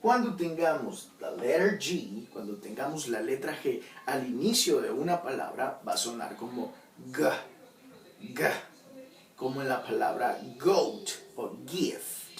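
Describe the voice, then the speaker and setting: A man teaching English phonics, sounding out each letter slowly and patiently, repeating sounds and checking in with "okay?" as he switches between two languages to explain. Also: medium pitch, lively intonation. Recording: roomy, distant mic, faint background noise.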